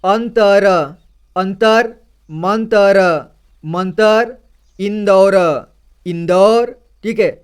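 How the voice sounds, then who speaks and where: A man's voice: high voice, extremely slow, clear, resonant tone. A man teaching beginners to read, saying each word twice, asking what it reads and answering himself, and closing many lines with an okay. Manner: ends many lines with "ठीक है". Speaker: Hindi reading teacher. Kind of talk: slow reading lesson for beginners.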